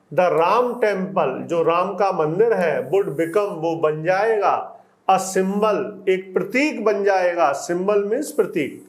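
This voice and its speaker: A man's voice: high voice, roomy sound. A man with an Indian English accent teaching English. He reads a newspaper phrase by phrase and explains each one in Hindi, putting questions to his students. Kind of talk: newspaper reading lesson.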